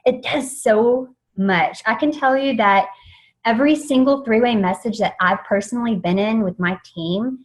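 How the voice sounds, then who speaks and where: A woman's voice: a little high, moderate pace, low-quality recording. A young woman leading an informal team training in an eager, chatty way, with lots of fillers and restarts. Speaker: network marketing team trainer.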